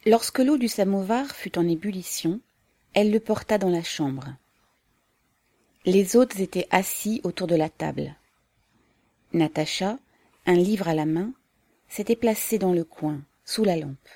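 A woman narrating a novel as an audiobook reader, in a calm, even and measured way. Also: on the low side, dry recording.

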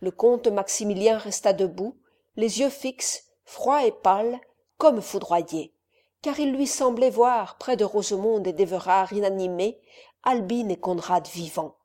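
Female audiobook narrator, measured and expressive, warm dark tone. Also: medium pitch.

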